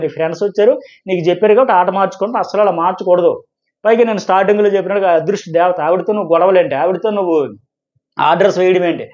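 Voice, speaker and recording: A middle-aged man with a Telugu accent reviewing a reality show, arguing his points with rapid rhetorical questions. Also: high-pitched, darkish tone. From India. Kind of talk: fast opinionated commentary. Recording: dull lo-fi sound.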